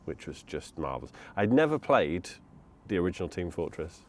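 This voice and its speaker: A man in casual podcast chat about games who laughs often and gets excitable. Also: deep voice, moderate pace.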